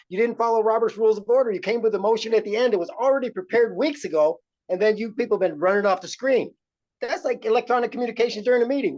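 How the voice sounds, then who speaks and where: Man on a dropping call line, furious public commenter, dull lo-fi sound, rapid-fire accusations. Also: sits high. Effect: muffled remote call line that cuts in and out. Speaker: public commenter calling in remotely. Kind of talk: public comment at a board meeting.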